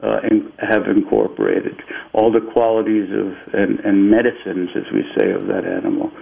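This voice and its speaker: Peru-born guy telling a spiritual story, slow and reflective, lower voice, sounds like a phone line. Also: animated, vocal fry. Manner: slow, deliberate and reflective, with frequent repeated "and"s. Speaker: interview guest.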